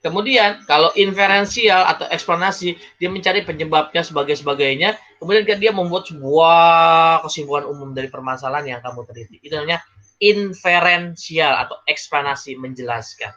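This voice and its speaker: Bright-voiced male teacher explaining a lesson. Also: on the high side, brisk. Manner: lively, acts out quoted people, checks in with "paham ya?". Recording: slightly dull, lo-fi recording.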